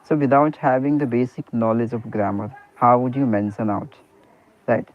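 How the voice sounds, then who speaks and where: A man's voice: mid-range voice, steady tone, moderate pace. Man on a tinny line. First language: Hindi. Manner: earnest, repeats "you know" and "okay" often, restarts sentences. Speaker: private teacher. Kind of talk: English speaking practice conversation.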